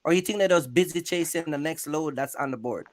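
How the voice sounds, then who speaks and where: Brisk and somewhat high-pitched, a man runs a loose, repetitive trucking interview for his YouTube channel. He leans on streetwise slang and frequently checks in with his guest.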